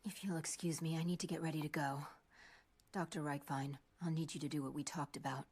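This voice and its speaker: A resolute young woman in an anime drama, earnest and sorrowful. Her voice is extremely breathy and sits a little low for a woman. Her delivery stays solemn. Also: fairly even intonation, a little fast, a little mellow. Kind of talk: anime dub drama acting.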